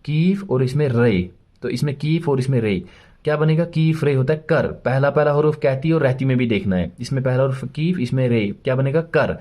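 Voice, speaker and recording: A man's voice: mid-range voice, dark tone. A man teaching a first-grade lesson, spelling words letter by letter and patiently encouraging young pupils. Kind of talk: children's alphabet lesson.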